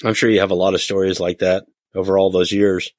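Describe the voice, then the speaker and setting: A man with a fairly low voice hosting a casual interview. He says little beyond brief, encouraging comments and the odd question to keep his guest talking. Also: completely flat delivery, quick pace, darkish tone. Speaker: interview host.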